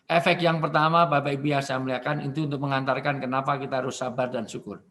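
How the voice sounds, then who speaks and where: A man from Indonesia giving a humorous virtual sermon from his home, animated and joking, often addressing his listeners directly. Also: mid-range voice, fast. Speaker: preacher.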